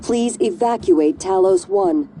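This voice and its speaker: A woman voicing a calm female station computer that gives slow, measured evacuation warnings in a video game. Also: fairly high pitch, vocal fry, noisy background, heavily acted. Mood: calm alert. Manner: slow, measured, repeated alert phrasing.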